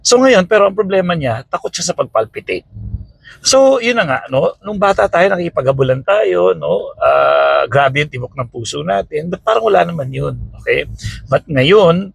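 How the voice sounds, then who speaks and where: A man's voice: a little high, big pitch swings, moderate pace, vocal fry, slightly rough, no echo, rough recording. A man hosting a casual health explainer talk, conversational, checking in with his listeners often. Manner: conversational, peppers with "okay?" and "no?".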